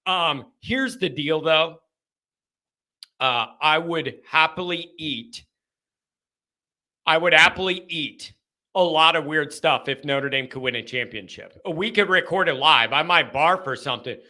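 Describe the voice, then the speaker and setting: A young man hosting a live sports call-in stream, ranting casually with animated, exasperated mock outrage. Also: fairly high pitch, measured pace. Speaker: host of a sports call-in show.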